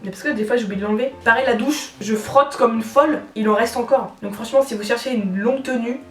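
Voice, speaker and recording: A woman's voice: a little high, fast talker, far from the mic. Chatty young woman giving makeup tips. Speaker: makeup vlogger. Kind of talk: casual makeup tutorial chat. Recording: echoey room, faint music.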